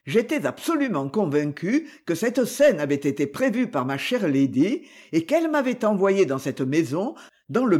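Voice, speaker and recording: Un homme qui lit un roman à voix haute, une narration écrite et expressive à la première personne. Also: male voice, high-pitched, breathy edge. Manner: expressive first-person reading. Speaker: audiobook reader. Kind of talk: scripted narration.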